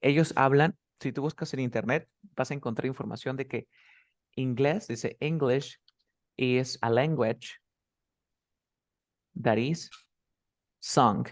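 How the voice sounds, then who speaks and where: A man teaches pronunciation one on one at a middle pitch, firing quick quiz questions at his student. He models each example sentence slowly, again and again, to show the stress. The sound is close and dry, with no room echo. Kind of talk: one-on-one language lesson.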